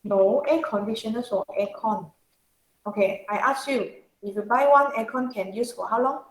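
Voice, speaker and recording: Recorded with a roomy echo, an accounting tutor with a Singaporean or Malaysian English accent speaks at a moderate pace in a fairly high voice. Her tutorial is informal, with frequent checking questions and colloquial particles.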